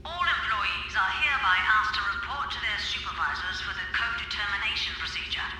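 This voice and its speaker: An actor voicing a recorded company announcer, heard as a formal announcement over a factory loudspeaker. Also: male voice, high-pitched, a little fast, exaggerated voice. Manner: formal, flat corporate announcement. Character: male recorded public-address announcer for a company. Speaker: in-game announcer. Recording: echoey loudspeaker in a large hall, far off, with faint music.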